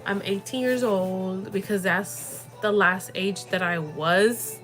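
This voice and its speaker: A young woman hosting a relaxed livestream speaks at a slow pace in a mid-range, fairly bright voice, rambling with many fillers and the occasional Spanish word. The audio is poor, with faint music behind her.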